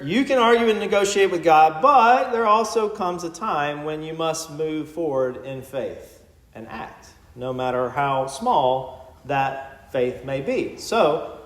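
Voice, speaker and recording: Pastor preaching with playful, lively delivery. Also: male voice, fairly high pitch, slow pace, echoey room. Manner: acts out quoted prayers in lively voices; conversational, drops quietly for emphasis. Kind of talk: sermon. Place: church sanctuary.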